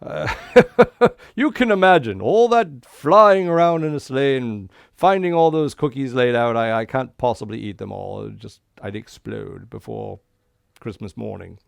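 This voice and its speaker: A man playing a friendly Santa Claus, talking to children like a party magician with showy patter and a gravelly voice. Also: medium pitch, no room sound, clean studio sound. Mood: genial, chatty. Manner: kids' party magician patter, drawn-out showy counting and reveals. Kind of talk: interactive children's visit over the internet.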